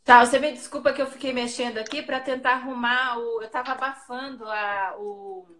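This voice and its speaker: Woman, Brazilian, interview host, chatty, quick questions, video call, somewhat high pitch. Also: steady tone, fairly bright tone. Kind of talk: casual interview.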